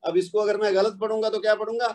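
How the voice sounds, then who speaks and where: Patient Pakistani male tutor, fairly high and mellow, explains and then slowly recites examples for students to repeat. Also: flat delivery. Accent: Pakistani Urdu. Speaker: Quran recitation teacher. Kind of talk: online tajweed lesson.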